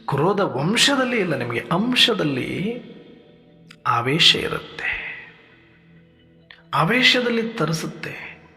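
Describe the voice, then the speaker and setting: A man giving a sermon in a measured teaching manner, asking rhetorical questions and listing points for his listeners. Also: high voice, very animated, bright, forceful tone. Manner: rhetorical questions, lists, addresses listeners as brothers. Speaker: spiritual speaker. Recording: long hall reverb with faint music.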